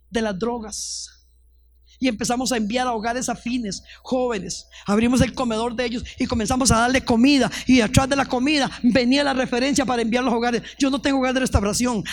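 A high-voiced, middle-aged woman pastor preaches her testimony with fervor. She acts out the people in her stories as she goes. The sound is dry and close. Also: fairly even intonation, brisk, no echo. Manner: fervent storytelling, acts out quoted voices. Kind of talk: testimony sermon.

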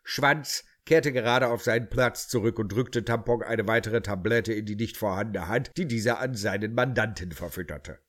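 A man narrating a comic audio story in a dry, deadpan way. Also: fairly low pitch, normal speed, few pauses.

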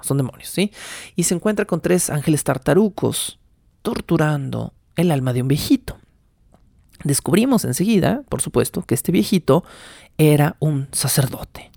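Wry, gravelly lecturer. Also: medium pitch, darkish tone, no echo, studio quality. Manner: wry, digressive, explains asides. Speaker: lecturer retelling a medieval text. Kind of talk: casual lecture retelling.

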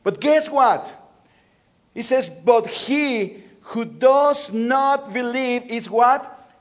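A man's voice: extremely high pitch, extremely slow. A male pastor from Mexico City with a Mexican Spanish accent, preaching a sermon with call-and-response and repeated phrases. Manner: call-and-response, repeating phrases with swings between loud and soft. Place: church.

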